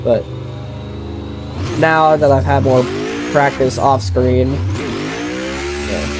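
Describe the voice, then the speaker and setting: Congested from a sinus infection, a sim racing video creator gives easygoing, rambling gameplay commentary while driving a racing sim, often restarting sentences, correcting himself and blurting out sudden short exclamations. His voice is medium-pitched and unhurried, and the recording is very noisy.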